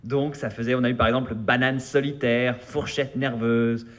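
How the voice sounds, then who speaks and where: A man's voice: mid-range voice, normal speed. A man hosting a reading workshop, explaining the exercise casually and hesitantly. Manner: hesitant, many fillers, relaxed. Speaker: workshop leader and host.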